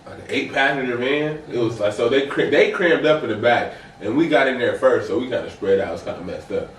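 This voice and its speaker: A man's voice: medium pitch, fairly quick. Young guy on a podcast, slangy storyteller, kinda far from the mic, echoey room. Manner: rambling storyteller, slangy, acts out quotes. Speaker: podcast co-host. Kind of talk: casual chat. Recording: roomy sound, off-mic, faint noise.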